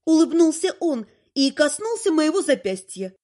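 Woman, audiobook narrator, high pitched, expressive, theatrical first-person reading. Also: normal speed.

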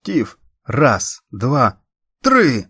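A man's voice: lowish voice, brisk, no room sound, studio quality. A man voicing a woman helping at a birth who gives firm, urgent orders, in an audiobook reading. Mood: urgent, commanding. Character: woman midwife, urgent, commanding. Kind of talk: audiobook character voice.

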